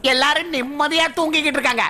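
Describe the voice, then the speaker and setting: A woman's voice: high-pitched, fairly even intonation, fast talker, sharp tone. An actress dubbing a mischievous young woman who chatters in a playful, teasing way. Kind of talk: Tamil film dub. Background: film score.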